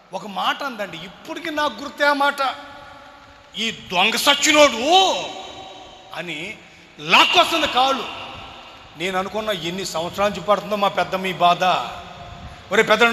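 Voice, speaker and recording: A man's high, bright voice preaches a sermon, swinging from quiet asides to sudden shouts. The hall around him rings with a long echo. Faint noise sits beneath. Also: expressive, a little fast. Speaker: pastor. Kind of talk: sermon with personal storytelling.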